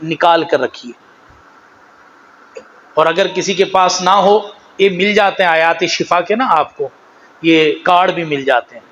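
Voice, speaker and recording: A man with a Pakistani Urdu accent preaching a sermon, animated, moving between low storytelling and raised exhortation, and slowly drawing out Arabic phrases. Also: rough recording. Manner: slow, drawn-out recitation of Arabic phrases.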